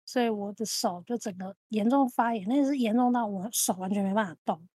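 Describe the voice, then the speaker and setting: Husky-voiced woman telling a story. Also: medium pitch, a little fast, dry recording. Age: 30s. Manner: animated storytelling, repeats phrases. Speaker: podcast co-host. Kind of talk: casual chat.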